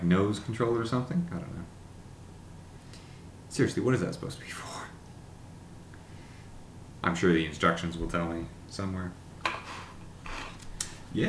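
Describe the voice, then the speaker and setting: A man's voice: sits low, roomy sound, a little hiss or hum. A man chatting casually and wryly to camera as a vlogger, reading things aloud as he goes. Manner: chatty, wry, reads text aloud haltingly. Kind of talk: casual unboxing chat.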